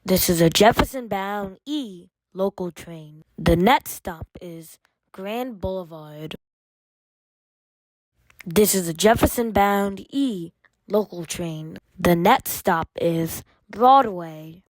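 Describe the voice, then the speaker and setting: A woman reads scripted train announcements as an automated announcer, using measured, formulaic phrases in separate segments. Her medium-pitched voice is expressive, and the audio has no echo but is poor.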